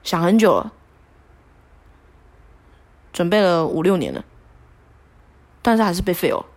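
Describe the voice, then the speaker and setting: A woman telling a personal story on a podcast, animated and self-deprecating with many fillers. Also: on the low side, a little slow. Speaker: podcast host.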